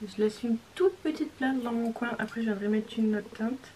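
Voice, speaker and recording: A woman's voice: fairly high pitch, normal speed, dark tone, a little hiss or hum, poor audio. A woman beauty vlogger talking through a makeup tutorial in a casual, chatty way, correcting herself as she goes and sometimes dropping to a near-whisper. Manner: chatty, self-correcting, describing each step.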